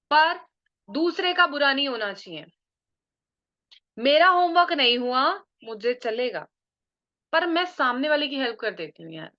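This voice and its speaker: A woman teaching a live online class, mixing Hindi and English, slowing down to spell out key terms and often checking in with her listeners. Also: high-pitched, sharp tone. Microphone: computer mic on a video call. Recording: muffled video call audio.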